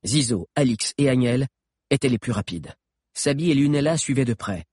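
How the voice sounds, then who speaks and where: Husky, lively man reading aloud. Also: mid-range voice, moderate pace, no echo, studio quality. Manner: expressive, dramatic reading. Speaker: audiobook narrator. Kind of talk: scripted narration.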